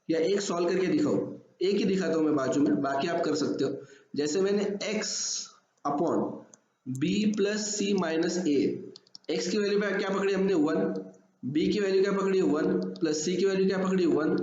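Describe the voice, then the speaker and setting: Echoey-voiced math tutor. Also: male voice, high voice, normal speed, a little mellow. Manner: quizzes students with rhetorical questions. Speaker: math teacher. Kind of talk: exam-prep math lesson. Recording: echoey room, slightly dull audio.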